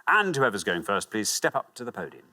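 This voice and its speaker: Brisk, pushed, and bright, a game show host's voice swings dramatically in pitch. He reads questions and scores in a television studio with an audience, keeping things upbeat, encouraging, and lively.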